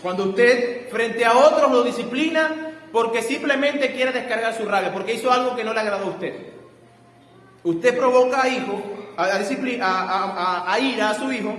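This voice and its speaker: A man preaching a sermon as pastor in an animated way, recorded in a church. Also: extremely high pitch, normal speed. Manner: animated preaching, acting out short quoted exchanges. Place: church sanctuary. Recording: echoey church hall, faint background noise.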